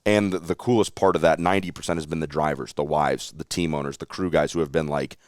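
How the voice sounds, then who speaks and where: Earnest deep-voiced man talking candidly. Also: quick pace, clear, resonant tone, no room sound, studio quality. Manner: earnest, reflective, animated when telling stories. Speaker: racing announcer, podcast guest. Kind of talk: candid interview chat.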